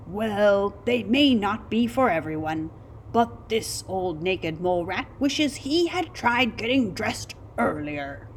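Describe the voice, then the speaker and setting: A woman's voice: medium pitch, lively intonation, takes it slowly, a little hiss or hum. A woman voicing a wise, regal old male naked mole rat making a grand proclamation in a storybook reading.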